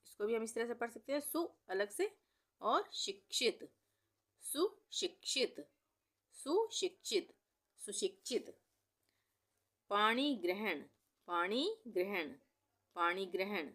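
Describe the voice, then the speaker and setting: A woman teaching Hindi spelling as a voice-over, who says each word slowly and then repeats it several times. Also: medium pitch, a bit bright. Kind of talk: spelling lesson.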